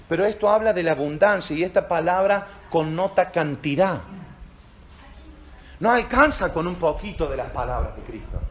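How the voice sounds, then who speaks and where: High-voiced pastor preaching with slow emphasis. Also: male voice. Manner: slow, emphatic stresses on key phrases. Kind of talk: sermon.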